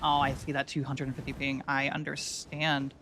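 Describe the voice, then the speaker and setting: A woman streamer with a very deep yet feminine voice chats casually while she plays, rambling, joking and interrupting herself with many restarts. Her pitch barely moves, she speaks at a normal speed, and music plays underneath.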